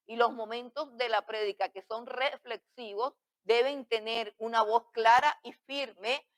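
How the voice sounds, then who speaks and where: A woman's voice: mid-range voice, a bit bright, rough recording. Middle-aged woman teaching preaching at bible school, earnest, keeps repeating key words and asking herself questions.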